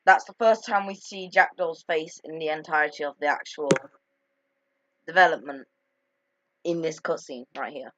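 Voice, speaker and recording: A gaming video narrator who sounds young offers casual, halting commentary on a game's story, frequently repeating and correcting his words. His voice is medium in pitch and fairly bright, captured on a dull lo-fi microphone.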